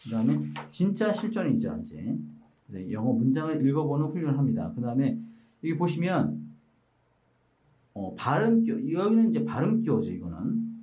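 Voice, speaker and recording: A male teacher walks through a workbook page by page, patient and methodical, his pitch rising and falling a great deal as he explains. The recording is a bit muffled and lo-fi. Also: big pitch swings. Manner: patient, explains step by step, often reads sounds out slowly. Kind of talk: explanatory lesson walkthrough. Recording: slightly muffled lo-fi audio.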